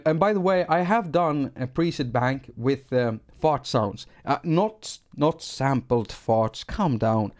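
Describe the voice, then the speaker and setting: With a darkish, mid-range voice, this middle-aged man from Sweden rambles through a live-streamed synthesis lesson, his Swedish accent clear. He is a music producer who jokes at his own expense and repeats words as he restarts.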